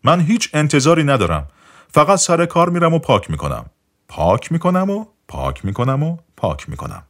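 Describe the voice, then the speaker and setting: A beaming male car salesman with a foreign accent, played by the audiobook narrator. His voice rides higher and brighter than the narration, joyful and matter-of-fact. It swings up and down with lively intonation. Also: full character voice. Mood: cheerful, serene. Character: cheerful male luxury car salesman, serene.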